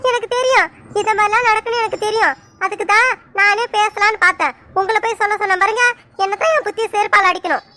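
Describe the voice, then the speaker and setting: A woman voicing a loud, bossy village mother-in-law in a cartoon, shouting and nagging in village Tamil speech. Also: steady tone, fast. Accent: Tamil Nadu village speech. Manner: shrill, bossy, shouts and nags. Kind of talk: cartoon dub acting.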